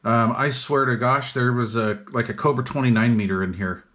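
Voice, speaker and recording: A man's mid-range, fairly bright voice, fairly even in intonation and moderate in pace, chats casually and unscripted in slang while bench-testing an old CB radio he's demonstrating as a hobbyist host. CB receiver hiss, static, and chatter fill the noisy background.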